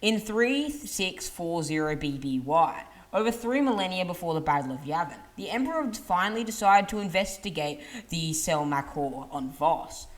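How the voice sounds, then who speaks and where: Woman, very low voice, scripted lore narration, emphatic on dramatic phrases. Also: expressive, moderate pace, hardly any pauses.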